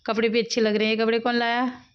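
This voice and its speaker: Chatty higher-voiced woman vlogging at home. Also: little pitch movement, very fast, clear, resonant tone. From India. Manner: chatty, talks straight to viewers as "guys". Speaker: family vlogger and mother. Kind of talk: casual home vlog chat. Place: at home, indoors. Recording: dull lo-fi home recording.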